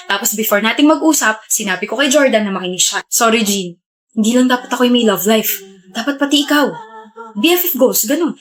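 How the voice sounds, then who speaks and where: A brash young man who teases his best friend, put on by a woman. He talks bluntly in a lowered, put-on voice in a short comedy skit. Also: lively intonation, a little fast, natural voice. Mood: teasing. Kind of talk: skit role-play.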